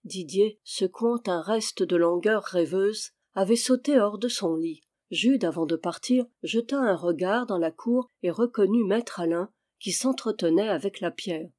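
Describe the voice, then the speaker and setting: Calm woman reading a classic novel. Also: medium pitch, a little slow, hardly any pauses. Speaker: audiobook reader. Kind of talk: audiobook narration of a classic novel.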